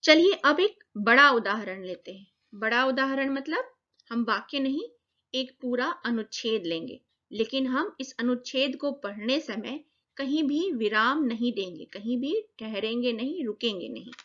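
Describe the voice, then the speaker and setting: A woman teaches young children grammar, explaining each point clearly and step by step. Her voice sits fairly high, and the recording is muffled and lo-fi. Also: lively intonation, unhurried, a bit bright. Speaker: primary school teacher. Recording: dull lo-fi recording.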